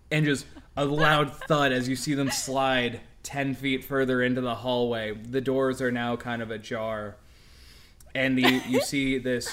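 A man's voice: medium pitch, heavy background noise. A man running a tabletop game as game master, narrating scenes vividly and chuckling now and then.

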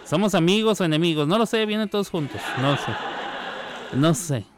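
A man's voice: on the high side, animated, normal speed, background noise. A man, a radio host telling a joking story in a casual, chatty monologue with playful sound effects.

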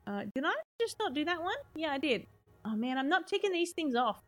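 A woman's voice: sits high, sing-song, a little fast, fairly bright tone. A woman casually chatting while live-streaming a game, laughing often and answering her chat. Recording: music playing behind the voice.

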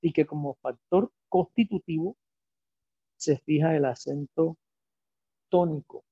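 A man teaching a lecture, speaking slowly and deliberately and asking himself rhetorical questions as he explains. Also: fairly high pitch, slightly rough, dry recording. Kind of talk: lecture on biblical poetry. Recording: dull lo-fi recording.

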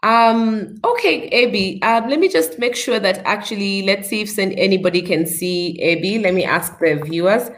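A Kenyan woman hosts a live podcast interview over a video call, opening with upbeat, speech-like introductions. Her voice is medium-pitched, at normal speed with few pauses.

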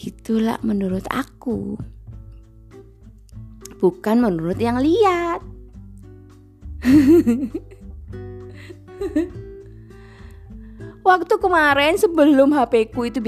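A middle-aged woman, giving a self-mocking, animated confessional monologue about her own experiences. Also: a little high. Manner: self-mocking, animated, mimics other people's voices. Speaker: speaker sharing personal experience.

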